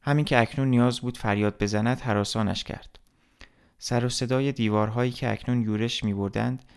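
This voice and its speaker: A man narrating a literary story as an audiobook, reading in a steady, measured way. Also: medium pitch, creaky, clear, resonant tone.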